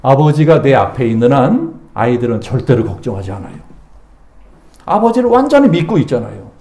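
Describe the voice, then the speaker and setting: A man's voice: mid-range voice, sing-song, a little fast, warm tone. A male senior pastor preaching a Sunday sermon with emphatic delivery, putting rhetorical questions to the congregation. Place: church sanctuary. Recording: echoey church sanctuary.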